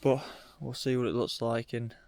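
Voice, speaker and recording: A young man, his voice nasal from a cold, speaks to camera at a moderate pace and medium pitch, shooting in his car and then outdoors in frozen woods. As a vlogger he's relaxed and offhand, with frequent use of "bloody." The background is noisy.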